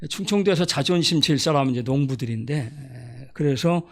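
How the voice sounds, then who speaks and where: A man's voice: mid-range voice, fairly quick, creaky. A middle-aged man from Gyeonggi Province preaching a Sunday sermon as pastor, telling folksy, humorous stories and acting out dialect quotes. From Gyeonggi Province, South Korea.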